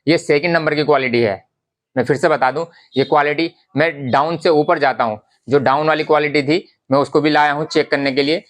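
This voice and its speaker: Guy, chatty vlogger, keeps repeating his point, middle pitch. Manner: conversational, repetitive, addresses viewers as brothers. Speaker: garment business vlogger. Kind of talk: casual instructional talk to camera.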